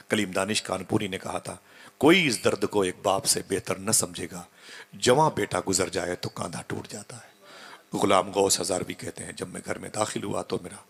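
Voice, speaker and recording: A man delivers an emotional sermon in a low voice that is gravelly and husky. He tells a story, building to loud, forceful peaks and then falling to near-hushed tones. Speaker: Islamic preacher.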